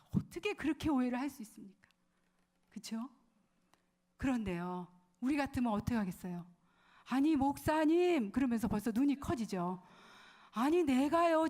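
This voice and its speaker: A woman preaching a sermon to a women's worship service, telling stories lively, acting out quotes, asking the audience questions and sometimes dropping to a whisper. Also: high-pitched. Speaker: pastor's wife preaching.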